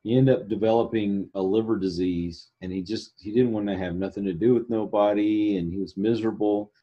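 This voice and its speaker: A man chatting casually as an interviewer, informal and animated, acting out his reactions. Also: on the low side, brisk, husky, dull audio. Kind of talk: casual chat.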